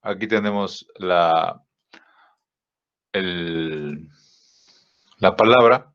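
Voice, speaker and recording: Slow halting male teacher, lo-fi audio. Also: deep voice. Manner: slow, halting, many fillers and rhetorical checks. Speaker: design teacher. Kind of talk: software tutorial lesson. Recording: dull lo-fi audio.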